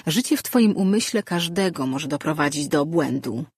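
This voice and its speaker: A woman voicing a sly, sardonic male presence in a man's mind who taunts slowly. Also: low voice, expressive, a little mellow, husky, dry recording, clean studio sound, full character voice. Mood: insinuating.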